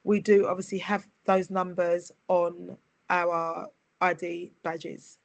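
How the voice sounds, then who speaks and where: A woman's voice: fairly low pitch, level tone, takes it slowly, vocal fry, no echo. A woman leading a nursery staff safeguarding training session over a video call. She reads policy text aloud and breaks off for chatty asides.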